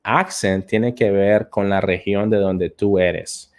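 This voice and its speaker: This host and English teacher has a fairly low, steady voice and talks slowly. During his live-stream lesson he addresses viewer comments tentatively, using lots of filler sounds and repeating words.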